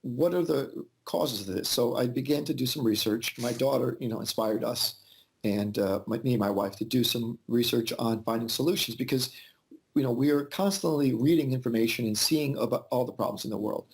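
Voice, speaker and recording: A man in his forties with a gravelly edge to his voice talks over a video call. He answers at a medium pitch, pausing and restarting as he works through his thoughts. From Yugoslavia, raised in the United States. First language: Albanian. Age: 40s. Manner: thoughtful, with frequent fillers and restarts. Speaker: interview guest. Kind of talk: casual interview conversation.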